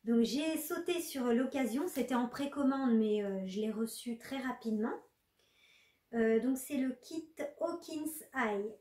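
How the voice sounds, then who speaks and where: A woman's voice: fairly high pitch, lively intonation, measured pace, mellow, echoey room. A woman chatting casually with viewers in a knitting vlog, full of fillers and restarts. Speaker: knitting podcaster.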